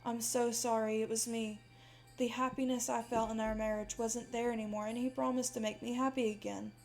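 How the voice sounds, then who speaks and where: A woman's voice: fairly high pitch, little pitch movement, a little fast, darkish tone, faint music behind, close to an everyday voice. A woman reading aloud, voicing a wife who sobs out a confession. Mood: tearful remorse. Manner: sobbing confession. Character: remorseful sobbing young wife.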